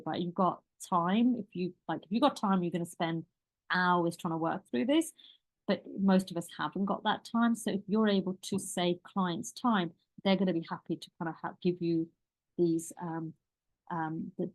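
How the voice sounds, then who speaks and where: A woman's voice: medium pitch, a little mellow. A woman leadership coach teaching a live online workshop in a loose, chatty, rambling way that keeps starting over.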